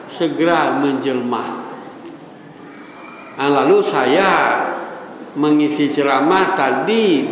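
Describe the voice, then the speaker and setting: Older male preacher, measured pace, long mosque reverb. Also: fairly high pitch, a little hiss or hum. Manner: chants Arabic verses, then jokes with the congregation. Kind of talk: Ramadan evening sermon. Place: large mosque hall. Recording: echoey mosque hall, faint ambience.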